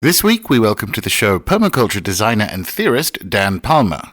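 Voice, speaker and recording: A podcast host opens with a scripted introduction, then shifts into a casual interview as presenter and interviewer. His fairly low voice swings widely in pitch, moves fairly quickly, and has a fairly bright tone. It was recorded in a pub and cleaned up.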